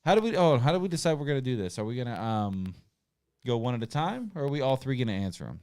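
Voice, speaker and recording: Smooth-voiced man hosting a game. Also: mid-range voice, very animated, fast talker, darkish tone. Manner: easygoing, runs the segment, wry asides. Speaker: podcast host. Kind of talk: casual chat, hosting a game segment.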